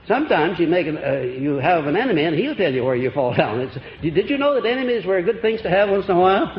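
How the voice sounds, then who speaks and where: A man's voice: high voice, sing-song, fast. A man giving a folksy motivational seminar lecture on an old archival recording, chuckling and quizzing his audience. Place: lecture hall before a live audience. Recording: echoey, dull old lecture-hall tape with faint hiss.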